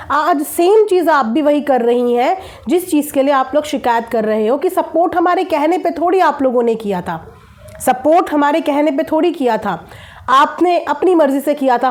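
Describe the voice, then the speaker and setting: A woman's voice: high voice, a little mellow. A woman hosting a reaction channel, talking straight to camera in a casual, insistent way and repeating her points. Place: indoors at night.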